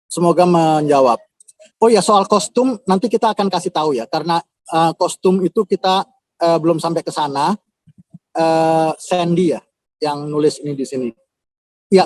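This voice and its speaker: A man's voice: fairly high pitch, darkish tone. A man, a composer, answering viewers' questions on a live video call in a casual, hesitant way with many filler sounds. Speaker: composer and audition host.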